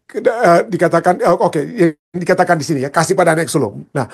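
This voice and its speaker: A man's voice: on the high side, lively intonation, quick pace, vocal fry, breathy edge. A man preaching a sermon as a pastor, emphatic, often asking the congregation a question and answering it himself.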